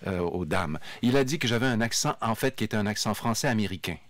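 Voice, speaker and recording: A man's voice: on the low side, animated, quick pace, no echo. A man hosting a casual radio chat in a studio, jovial and joking with his co-hosts. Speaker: radio host.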